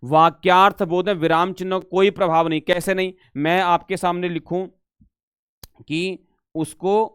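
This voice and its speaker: A man's voice: high voice, flat delivery, normal speed, a bit bright, smooth, no room sound, studio quality. A male teacher giving a live exam-prep lesson, reading Sanskrit questions aloud, then explaining them in Hindi and coaxing students to answer. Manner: calls students "beta".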